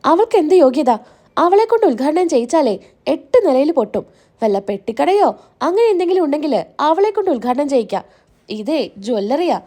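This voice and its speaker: A scheming young woman full of scorn and self-pity, read out by a woman narrator. The voice sits high and mellow, mocking one moment and complaining the next. It keeps the plain, spoken feel of a serial recap. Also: sing-song, fairly quick. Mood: scornful.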